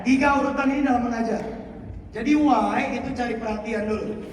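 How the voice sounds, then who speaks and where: A man leading a seminar for teachers, energetic and drilling them with call-and-response, stretching key words slowly for emphasis. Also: very high-pitched, heavy background noise. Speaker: teacher trainer. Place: school hall. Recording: echoey hall picked up from far off.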